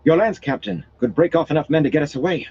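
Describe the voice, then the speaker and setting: A man voicing a shrill, frightened noblewoman who is sharp-tongued and scheming, reading her lines in an urgent, shrieking manner. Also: fast talker, creaky, lo-fi sound, slight background noise.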